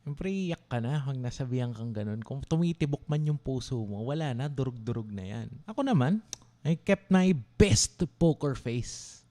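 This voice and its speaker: A young man from the Philippines, a law school vlogger, telling a story to his livestream viewers in an animated, dramatic way and asking them to reply. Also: medium pitch, moderate pace. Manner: asks viewers to respond.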